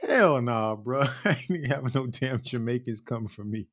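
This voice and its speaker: Joking, slangy podcast host. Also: male voice, mid-range voice, expressive, normal speed, a bit bright. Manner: joking, laughs often, slangy. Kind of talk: casual chat.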